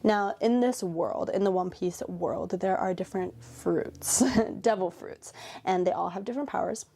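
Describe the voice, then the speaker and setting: A woman's voice: on the low side, moderate pace, vocal fry, dark tone. A woman giving a casual, chatty recap in a video, dropping in "okay" and "like" as she goes. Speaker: anime reviewer and vlogger.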